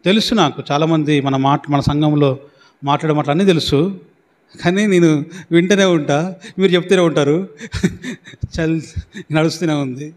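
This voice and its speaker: Man, pastor, emphatic sermon, questions to the congregation, high voice, long hall reverb. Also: steady tone, fairly quick, pauses often. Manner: repetitive, emphatic delivery.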